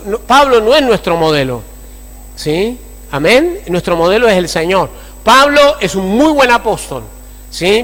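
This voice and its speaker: A man delivers a sermon in a very high, bright, forceful voice. He is animated and keeps asking his congregation for agreement. The sound rings with the long reverb of a church hall. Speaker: pastor.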